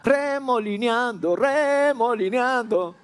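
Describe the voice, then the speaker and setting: A man's voice: very high voice, slow, clear, resonant tone, voice pushed up. A man voicing a joyful, defiant king who answers his wife, with a Mexican accent. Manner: exultant, defiant.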